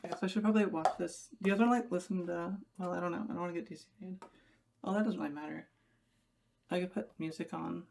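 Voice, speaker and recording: Young woman streamer rambling to chat at home, creaky vocal fry. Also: lowish voice, fairly even intonation, fast, a little mellow, a little hiss or hum. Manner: rambling, chatty, talking to viewers while fiddling. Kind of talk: casual live-stream chat.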